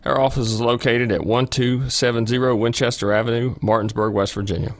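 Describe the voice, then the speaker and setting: Male advisor presenting a scripted commercial, middle pitch, very dry close recording. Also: fairly even intonation, brisk, no room sound. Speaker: financial advisor in an advertisement. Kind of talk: scripted ad read.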